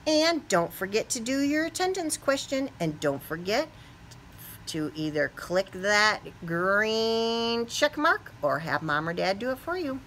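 Background noise can be heard as a middle-aged American kindergarten teacher, her voice on the high side and unhurried, leads young children through a read-aloud indoors in a small classroom. She plays it up with lively, exaggerated questions and reactions, as if for little ones.

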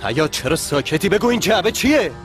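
A demanding young husband. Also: male voice, high voice, big pitch swings, faint music behind. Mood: angry. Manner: demanding, insistent. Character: young husband, angry and suspicious. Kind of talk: TV drama dub.

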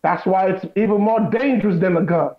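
This is a preachy conversation in which a high-voiced man, appearing as a guest, presses his points with emphatic, preacher-style weight. Key lines get repeated at a slower pace, all captured on a muffled, lo-fi recording.

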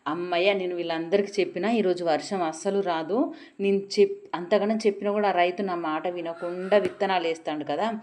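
A woman's voice: fairly low pitch, fairly even intonation, brisk, a little mellow, slight background noise, natural voice. Indra, a bossy sky god, told by a woman. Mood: smug. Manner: emphatic, repeats his orders.

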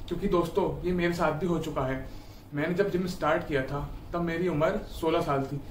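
A man's voice: on the high side, a little fast, a little hiss or hum. A man in his twenties from India, giving earnest, encouraging fitness advice straight to the camera from a small room at home. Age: 20s. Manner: earnest, encouraging, addresses viewers directly. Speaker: fitness YouTuber. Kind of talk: casual advice talk to camera. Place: small indoor room at home, seated on a bed. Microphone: camera a few feet away. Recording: echoey room audio from a distant camera mic.

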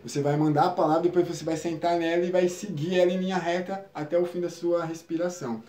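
A man giving a calm, explanatory spiritual lesson on a live stream, often ending phrases with tag questions. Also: fairly high pitch, fast talker, roomy sound. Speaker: spiritual teacher.

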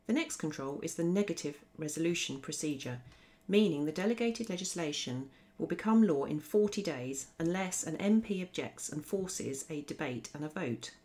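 A woman narrating a scripted law revision lesson as a voice-over, explaining in a clear, methodical way. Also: low voice, lively intonation, moderate pace, mellow. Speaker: law teacher.

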